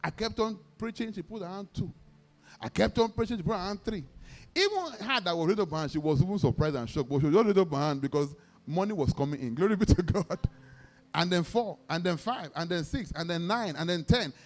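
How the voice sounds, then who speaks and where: A pastor with a Nigerian accent preaches in a high, expressive voice at a quick pace, exclaiming and peppering his talk with praise shouts. He tells vivid stories, acting out the dialogue, and leads the congregation in call-and-response declarations.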